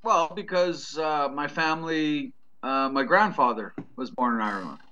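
A man's voice: fairly high pitch, normal speed, sharp tone, dull audio, slight background noise. A Canadian man chatting casually on a podcast, hesitant and full of ums and restarts, but blunt and profane.

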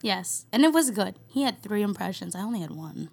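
A giggly woman chats casually as a podcast co-host, her voice settling into a gravelly fry at the ends of phrases. She hesitates, restarts and keeps breaking into laughter. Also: medium pitch, expressive, fairly quick, darkish tone. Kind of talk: casual chat.

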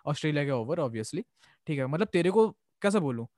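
A man's voice: a little high, sing-song, a little fast, darkish tone, no echo, clean studio sound. A young man hosting a podcast, chatting casually and rambling, often tagging his points with "okay?". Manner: rambling, hedging with "okay?" tags. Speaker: podcast host. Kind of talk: casual chat.

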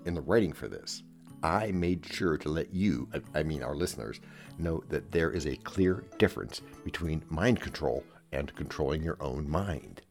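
Deep, gravelly man hosting a podcast. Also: lively intonation, normal speed, faint music behind. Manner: wry, theatrical, playful asides. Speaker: podcast host. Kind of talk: scripted comedic podcast talk.

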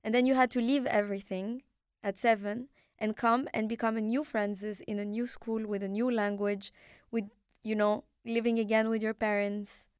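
A woman's voice: on the high side, level tone, moderate pace, smooth, no echo, studio quality. A woman from Morocco, a native Arabic speaker, hosting and asking long, reflective questions. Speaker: podcast host. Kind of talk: interview.

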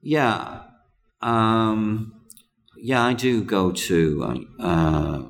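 Hesitant man, lowish voice. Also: drawn-out words, vocal fry. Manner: hesitant, many ums and restarts. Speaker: comedian guest. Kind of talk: casual interview chat.

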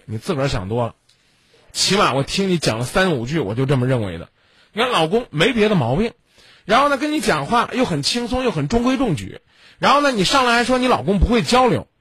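Brief: husky male radio advice host, blunt and lecturing, very lively delivery, dry sound. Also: fairly high pitch, dry recording. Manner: blunt, lecturing, rhetorical questions.

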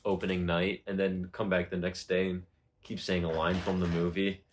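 A man's voice: sits low, little pitch movement. A young man co-hosting a podcast, joking and laughing in casual chat. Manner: laughing, joking, drawn-out delivery. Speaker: podcast co-host.

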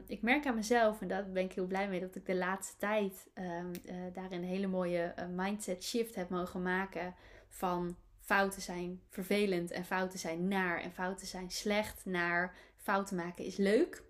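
A woman hosts her own podcast and talks at an ordinary pitch. She muses in a loose, personal way, stopping often for fillers and picking her words again as she goes. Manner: reflective, many fillers and restarts. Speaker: podcast host, animal coach. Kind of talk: casual solo podcast monologue.

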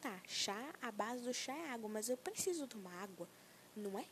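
A woman's voice: a little high, expressive, moderate pace, slight background noise. A young woman of nineteen hosting a solo podcast, ranting in a self-mocking, profane and rambling way, anxious. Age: young adult. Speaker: podcast host.

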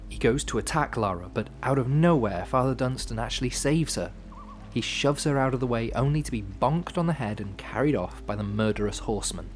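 A man hosting a podcast with scripted storytelling narration, in measured, dramatic phrasing with dry asides. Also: mid-range voice, a little hiss or hum. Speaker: podcast host. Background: music.

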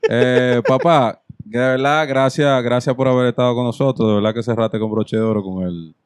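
Male podcast host, Dominican Spanish accent, medium pitch, dry close sound, slangy and repetitive. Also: fairly even intonation, normal speed, clean tone, no room sound. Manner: repeats phrases emphatically. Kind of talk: casual, slangy chat.

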